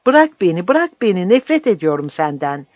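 A defiant young woman guerrilla fighter speaks high and shrill, answering back hotly, as an audiobook reader puts her on. The recording is dry and slightly dull. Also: lively intonation, a little fast, dry recording, close to an everyday voice. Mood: screaming.

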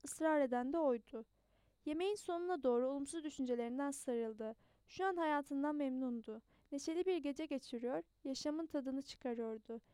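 A woman narrating a novel aloud in a steady, measured storytelling manner. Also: high voice, no room sound. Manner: steady, measured storytelling with occasional small restarts. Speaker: audiobook narrator.

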